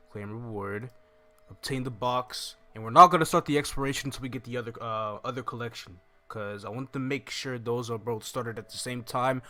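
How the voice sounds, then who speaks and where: A young man with a medium-pitched, bright, forceful voice hosts a gaming video, rambling casually through a walkthrough and thinking aloud as he plays. He speaks into a stand-mounted microphone placed close in front of him, with game music playing in the background.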